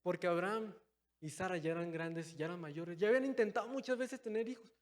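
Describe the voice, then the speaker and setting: A young man preaching a sermon in a church, calling his listeners brothers and moving between loud, stressed phrases and quiet, low asides. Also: quick pace. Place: church hall. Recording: long hall reverb.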